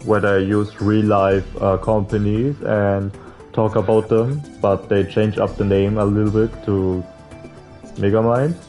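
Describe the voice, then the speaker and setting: With game music behind him, this let's player reads a visual novel aloud in a relaxed, informal playthrough. His voice is on the low side and warm, his tone steady and his pace measured. He stumbles over lines, swears occasionally, and throws in his own comments.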